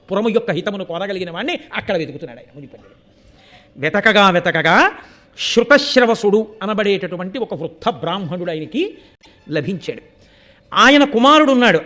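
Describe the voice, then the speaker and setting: A man delivering a religious discourse, telling stories with animated emphasis and chanting Sanskrit verses, swinging between loud stresses and hushed asides. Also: high-pitched. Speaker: spiritual discourse speaker.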